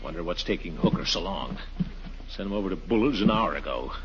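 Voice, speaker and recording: An actor playing a pompous, anxious middle-aged uncle in a blustering, theatrical 1940s radio comedy style. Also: male voice, sits low, lively intonation, fairly quick, music in the background. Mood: gloomy. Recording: dull, noisy 1940s radio recording.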